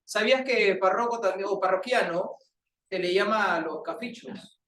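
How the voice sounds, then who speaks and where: A man with a Peruvian accent teaches a class, bantering and poking fun at his students. His voice sits high, and it is caught from a distance in a bare, echoey classroom. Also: normal speed, fairly bright tone. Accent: Peruvian Spanish. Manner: playful, teasing banter with students. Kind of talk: classroom lecture.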